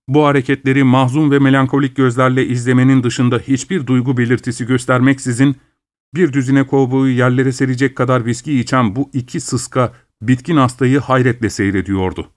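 A man reading a literary short story aloud in a measured, steady narration. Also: medium pitch, no echo, clean studio sound. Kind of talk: scripted narration.

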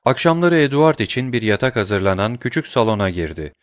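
A man reading a dramatic novel aloud in a measured, steady storytelling manner. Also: medium pitch, no room sound, studio quality. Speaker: audiobook narrator.

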